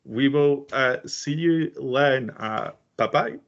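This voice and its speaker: A playful man co-hosting a casual reaction chat. His voice sits in a middle pitch and he fills pauses with ums and uhs while teasing his partner. The sound is muffled and lo-fi. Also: gravelly. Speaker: co-host reacting to songs.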